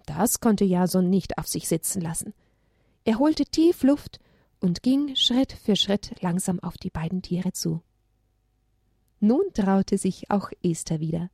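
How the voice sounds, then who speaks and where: A woman's voice: medium pitch, animated, a little slow, creaky, a little mellow, husky, dry recording, clean studio sound. Woman reading a children's story aloud. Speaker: narrator.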